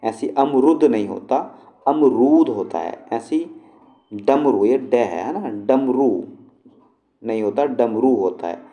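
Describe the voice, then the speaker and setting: A man's voice: lowish voice, expressive, a little slow, creaky, dark tone. A man teaching a spelling lesson, explaining patiently and checking in often with his students. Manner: explains patiently, with frequent check-ins to the class. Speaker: shorthand and typing teacher.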